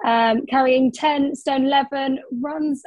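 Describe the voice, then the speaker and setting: A woman's voice: high-pitched, fairly even intonation, takes it slowly, dry recording, muffled recording. A young woman co-hosting a racing tips podcast, chatty and full of ums, correcting herself as she goes. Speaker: racing tipster co-host. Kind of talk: casual podcast chat.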